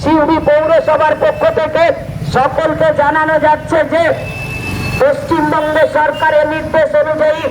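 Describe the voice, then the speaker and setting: A man reading a public notice through a vehicle loudspeaker on a town street, formal and in short measured phrases. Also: extremely high pitch, monotone. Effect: loudspeaker announcement from a vehicle. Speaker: municipal announcer. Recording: echoey street loudspeaker with traffic noise.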